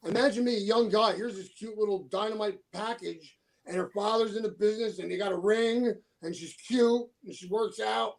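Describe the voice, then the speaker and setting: A man's voice: sits high, normal speed, creaky, few pauses, poor audio. Upbeat man in his sixties hosting. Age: 60s. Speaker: interview host. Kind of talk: casual interview chat.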